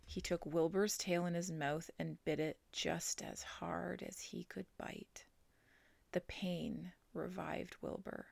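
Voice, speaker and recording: A woman reading a children's novel aloud, slowly and gently, dropping to a whisper in quiet passages. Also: on the low side, steady tone, creaky, no echo. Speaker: storybook reader.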